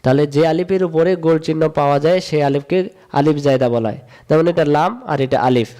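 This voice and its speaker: Man teaching recitation in slow chant. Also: fairly high pitch, warm tone. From Bangladesh. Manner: repeats rules in sing-song chant, drawls sounds slowly. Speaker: Quran reading teacher. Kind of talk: step-by-step recitation lesson.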